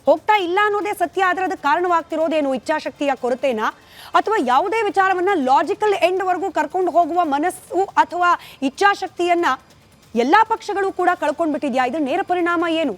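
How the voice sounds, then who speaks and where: A woman hosts a televised political debate in Kannada-accented speech. Her voice sits high, and she builds her introduction from sharp rhetorical questions. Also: brisk. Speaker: news debate anchor. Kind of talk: scripted news debate intro.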